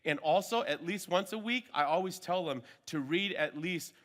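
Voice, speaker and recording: A man's voice: high-pitched, moderate pace, fairly bright tone. A man teaching a workshop group informally, often checking in with short tags and sometimes switching languages. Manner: switches between English and Hmong mid-talk; frequent check-in tags like okay and right. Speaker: workshop trainer teaching Bible discipleship.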